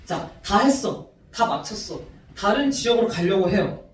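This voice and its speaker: A young youth pastor with a high-sitting voice preaches to teenagers at a moderate pace, animated and quizzing them with questions along the way. He's in a church worship room, and the echoey recording makes him sound far off.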